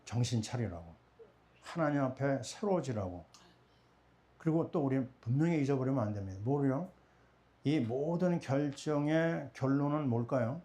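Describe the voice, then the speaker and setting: A middle-aged pastor from Korea preaching a sermon, often asking rhetorical questions and answering them himself. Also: male voice, mid-range voice, lively intonation, moderate pace, warm tone.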